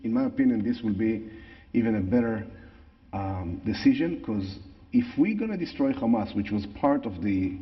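A man's voice: lowish voice, expressive, moderate pace. A middle-aged man from Israel with an Israeli accent, explaining things conversationally as an interview guest. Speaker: interview guest, tour guide. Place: large church sanctuary, indoors. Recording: echoey large hall, slightly dull sound.

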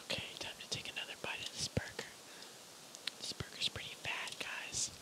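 A person whispering almost the whole way through an ASMR eating parody. The voice is breathy and unvoiced, and the delivery is deadpan, with crude jokes and casual swearing between mouthfuls. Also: normal speed, rough recording. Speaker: channel host.

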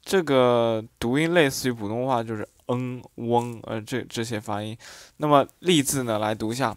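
A man's voice: mid-range voice, normal speed, no room sound, clean studio sound. A man teaching a phonetics lesson who reads example syllables aloud one by one and explains with frequent hesitant fillers. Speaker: dialect teacher.

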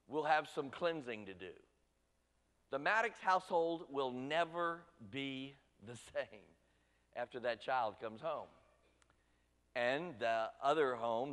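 Pastor guy preaching, mid pitch, big echoey church hall, chatty and teasing the pews. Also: a bit bright. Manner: folksy, talks straight to the congregation with light teasing. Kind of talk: sermon. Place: church sanctuary. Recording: church sanctuary with long reverb.

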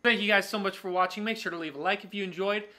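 Excitable high-voiced young man, gaming commentary. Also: racing. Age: 20s. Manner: excitable, jokey, exclaiming. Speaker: let's play host. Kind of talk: casual gaming commentary with a co-host. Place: small living room, indoors on a couch.

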